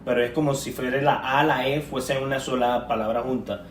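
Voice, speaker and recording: A man co-hosting a relaxed film-chat podcast, wandering through his points and stumbling over words. He sits back from the microphone in an echoey room. A faint hiss runs under his voice. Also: mid-range voice, brisk, far from the mic. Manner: rambling, self-correcting, laughs often. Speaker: podcast co-host. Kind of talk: casual film-discussion podcast.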